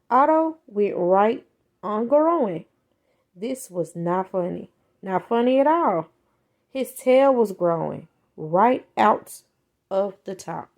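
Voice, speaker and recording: With a voice on the high side, a woman narrates a children's book in lively storyteller fashion. She places dramatic emphasis on her lines with clear intent.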